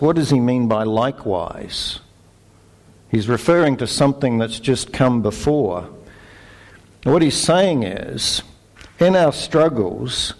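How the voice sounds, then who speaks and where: A middle-aged Australian preacher gives a conversational sermon in a medium-pitched voice. He's relaxed and self-deprecating, with fillers and restarts.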